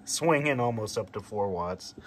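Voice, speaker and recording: Animated and speaking at a moderate pace, this radio repair video host has a low-leaning voice and a plainspoken, hands-on style indoors. Background workshop noise comes through clearly.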